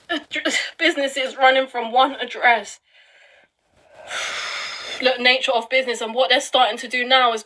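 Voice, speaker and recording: Swearing and pushing her arguments hard, a woman video blogger delivers an upset, urgent live commentary on online records for her viewers. She speaks in a pushed, bright voice on the high side.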